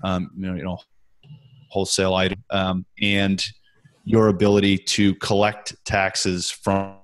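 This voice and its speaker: A man answering questions as a guest expert over a remote conference call line that keeps breaking up, explaining steadily with frequent pauses and "um"s. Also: sits low, monotone. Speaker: sales tax software guest expert.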